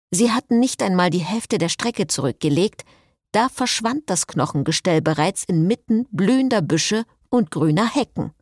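Lively German woman narrating an audiobook. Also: on the low side, no room sound, clean studio sound. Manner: lively expressive reading. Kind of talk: scripted narration.

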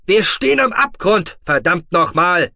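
A male reader voicing a commanding human fleet leader who talks in a loud, forceful, pressing way. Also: fairly high pitch, a little slow, dry recording, clean studio sound, pitched above the performer's own voice. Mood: thundering.

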